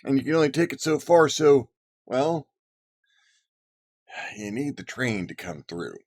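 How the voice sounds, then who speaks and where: A man's voice: medium pitch, sing-song, a little slow, a little mellow. A man putting on a folksy cowboy drawl. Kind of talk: cowboy voice in a monologue.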